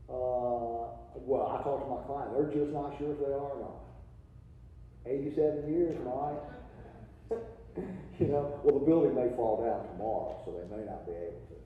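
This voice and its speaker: A man's voice: medium pitch, slight background noise. A man presenting an accounting seminar, talking informally with jokes, asides and many restarts. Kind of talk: live continuing-education lecture. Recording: echoey hall, distant mic, dull lo-fi.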